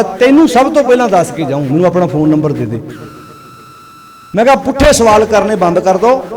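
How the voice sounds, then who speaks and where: A man preaching a sermon to a village congregation, swinging between loud emphatic peaks and quiet earnest asides. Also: high-pitched. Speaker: Sikh preacher giving katha. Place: gathering in a village. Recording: live crowd audible behind.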